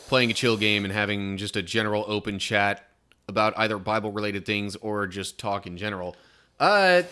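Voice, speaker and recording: A young man from Pennsylvania chats casually on a live stream, telling a rambling story and reading chat comments aloud. His voice is on the low side with a sharp tone, with slight background noise.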